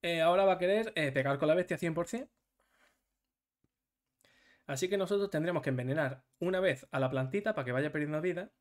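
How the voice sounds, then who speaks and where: A man, commentating his own match live as a gaming streamer, excitable and swearing, going from low mutters to shouts. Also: a little fast, long pauses.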